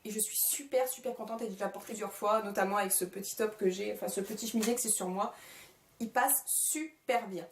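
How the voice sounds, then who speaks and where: A woman's voice: mid-range voice, fast talker, slight background noise. Gushing woman in an echoey room. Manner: gushing, with frequent fillers and repeated praise. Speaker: vlogger. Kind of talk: casual shopping haul vlog. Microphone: camcorder mic.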